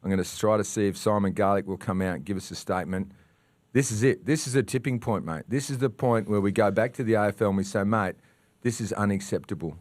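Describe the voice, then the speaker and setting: An Australian man co-hosting a sports podcast, ranting and fired up, repeating himself and bursting into shouts. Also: fairly low pitch, quick pace, dry recording.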